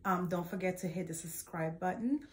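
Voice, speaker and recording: A woman's voice: fairly low pitch, brisk, a little mellow. A woman in her forties hosting a quilting vlog from her sewing room, talking in a chatty, casual way with many fillers and restarts. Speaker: quilting channel host. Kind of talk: casual show-and-tell vlog.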